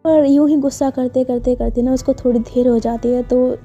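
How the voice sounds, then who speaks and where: A woman's voice: high-pitched, steady tone, moderate pace, mellow, lo-fi sound, soft background music. A woman narrating a love story in a chatty, casual storytelling manner. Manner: chatty, filler-heavy narration.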